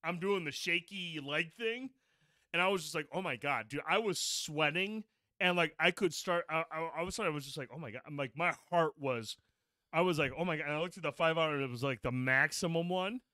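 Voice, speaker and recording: A man's voice: on the high side, a little fast, no room sound, clean studio sound. A man hosting a podcast, telling stories in casual chat with lots of swearing and laughter. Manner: animated, swears freely, laughs often. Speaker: podcast host.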